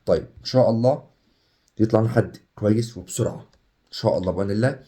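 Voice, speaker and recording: Young Egyptian gaming YouTuber, quick and warm-toned, hyped and chatty. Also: male voice, on the low side. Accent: Egyptian Arabic. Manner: excitable, chatty, swings between hype and groans. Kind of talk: casual gameplay commentary.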